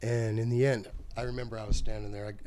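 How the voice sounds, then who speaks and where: A man's voice: fairly low pitch, little pitch movement, fast talker, dark tone, slight background noise. A middle-aged man telling a rambling backstage story as a podcast guest, slangy and laughing often. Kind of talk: casual storytelling chat.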